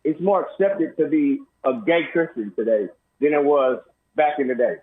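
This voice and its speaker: A man's voice: on the high side, lively intonation, normal speed, husky. Guy calling in, plain-spoken, big canyon echo off empty walls, phone-line sound. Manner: plain-spoken, casual slang. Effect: canyon-like echo of an empty room. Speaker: caller. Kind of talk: call-in talk. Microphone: phone on speakerphone. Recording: tinny speakerphone in an empty echoing room.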